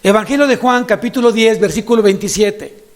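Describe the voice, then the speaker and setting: A man with a Mexican Spanish accent preaching as a pastor in a church, animated, repeating phrases for emphasis. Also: high-pitched, fairly quick. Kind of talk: sermon.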